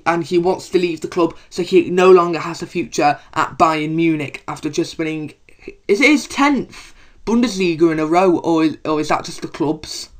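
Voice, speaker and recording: Rambling podcast co-host. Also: male voice, fairly high pitch, normal speed. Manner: rambling, many fillers and restarts. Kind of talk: casual football chat.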